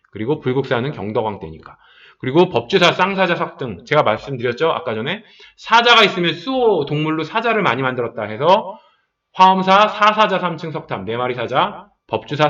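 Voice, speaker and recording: A man teaching a history exam-prep lecture, his voice rising and falling in a lively way as he explains points and acts out quick bits of dialogue. He sits slightly high for a man. The sound is dull and a little distant from the mic.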